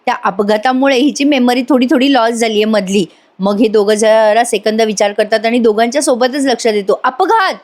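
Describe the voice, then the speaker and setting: A woman's voice: on the high side, fairly even intonation, brisk, darkish tone. A woman doing a voice-over recap of a TV serial episode, chatty and speaking straight to her viewers. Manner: chatty, addresses viewers directly.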